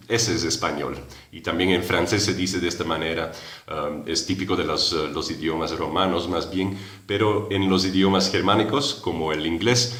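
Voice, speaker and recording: 40s guy teaching english, super slow, lots of ums and fixing himself, roomy echo. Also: low-pitched, a bit bright. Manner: slow, patient explaining with many ums and self-corrections. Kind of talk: recorded language lesson.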